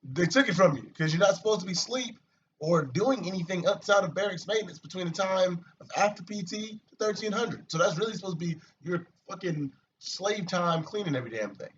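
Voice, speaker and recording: Pitched high and speaking a bit quickly, this soldier vlogger chats casually and at length about daily army life, venting and cursing freely in an animated, rambling way. A far-off, muffled mic adds light hiss to the sound.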